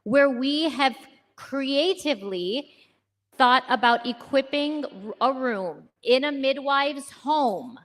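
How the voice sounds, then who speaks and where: A woman leading a charity, giving an earnest, measured welcome speech at a gala, thanking supporters and listing guests. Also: sits high, fairly bright tone. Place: large gala ballroom. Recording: long hall reverb.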